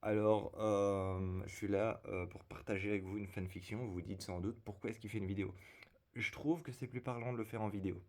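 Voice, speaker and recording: A man chatting casually in a halting vlog style, his voice strained and unwell like a zombie's from a lung problem, hesitating as he searches for words. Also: fairly low pitch, fairly even intonation, darkish tone. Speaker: video creator and fanfiction writer presenting to camera.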